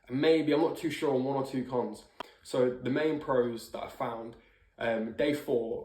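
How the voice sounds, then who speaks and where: A man's voice: medium pitch, darkish tone. A man talking casually and informally to camera as a vlogger, sometimes swearing, giving a personal check-in. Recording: roomy indoor echo.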